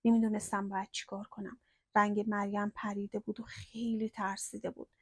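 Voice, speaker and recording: A woman narrating a first-person story in a slow, hushed storytelling manner. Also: medium pitch, level tone, slightly rough, no room sound, clean studio sound.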